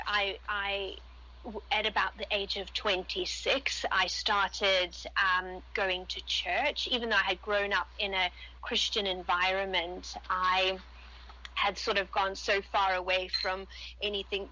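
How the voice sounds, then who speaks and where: A woman's voice: mid-range voice, level tone, measured pace, pushed and bright, highs cut off. A woman from Zimbabwe, a guest on a radio talk show, speaking hesitantly and searching for her words. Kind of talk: casual radio interview.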